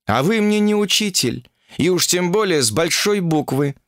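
A fed-up young woman protests shrilly, her voice jumping high with outrage, as a man reading an audiobook puts her on. Her delivery is lively and full of swings, and the recording is close and dry. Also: normal speed, no echo. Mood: exasperated. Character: indignant young woman graduate student.

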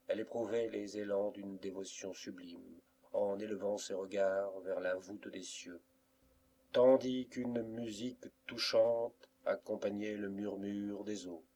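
A man with a lowish voice reads a classic novel aloud. He takes his time, unhurried and measured, letting each phrase settle. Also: fairly even intonation, a little mellow. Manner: slow, measured literary reading. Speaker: audiobook reader. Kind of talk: scripted narration of a classic novel.

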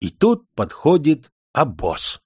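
Lively male audiobook narrator. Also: fairly high pitch, slow pace, breathy edge, no echo, studio quality. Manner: expressive storytelling with many voices. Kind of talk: scripted narration.

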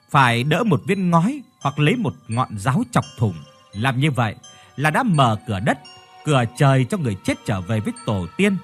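A man's voice: mid-range voice, husky. A man voicing a stern middle-aged village shaman who gives solemn, commanding instructions.

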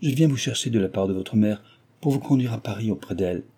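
A man reading aloud and voicing a gentle, emotional middle-aged nobleman who speaks earnestly and tenderly. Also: lowish voice, fast, slightly rough.

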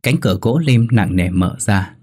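A man narrating a horror story in a measured, suspenseful way. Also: lowish voice, animated, slightly rough. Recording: soft background music.

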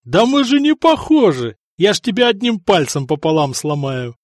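Male reader doing a brash burly man, gruff and dismissive, slightly raised pitch, dry sound. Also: big pitch swings, normal speed, no room sound. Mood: skeptical.

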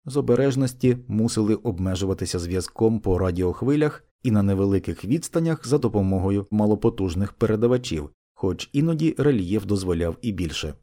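A man reads an audiobook in a low, warm, mellow voice. His delivery is steady and measured, paced like scripted storytelling.

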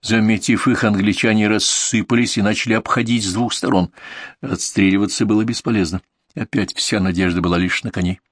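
A man narrates a historical novel for an audiobook at a measured, steady pace. His voice sits on the low side, recorded close and dry with no room sound. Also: no room sound. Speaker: audiobook reader. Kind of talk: scripted narration of historical prose.

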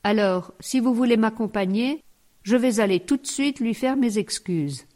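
A woman's voice: a little high, animated, moderate pace, dark tone, natural voice. A woman voicing a proud, curt young mistress. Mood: polite. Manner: curt, dignified.

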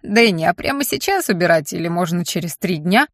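A woman's voice: lowish voice, animated, brisk, fairly bright tone, dry recording, studio quality. A woman voicing a fussy, guilty little male imp servant who pleads and whimpers. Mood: eager. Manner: whiny, pleading.

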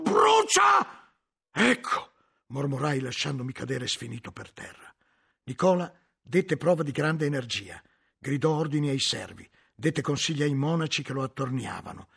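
A man narrating a novel as an audiobook, in a measured, dramatic storytelling manner with a gravelly, husky voice. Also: on the high side.

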